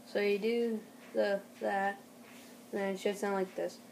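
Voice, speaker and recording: Slow, flat-voiced young woman, halting delivery. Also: mid-range voice. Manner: halting, rambling delivery with throat clearing. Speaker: amateur tutorial host. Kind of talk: casual home tutorial. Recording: noticeable background noise, amateur home recording.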